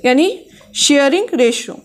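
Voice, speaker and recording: A woman a high voice works through a commerce lesson. She mixes in as she explains, and she keeps posing questions that she answers herself. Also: expressive, moderate pace. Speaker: commerce teacher. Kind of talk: classroom lecture.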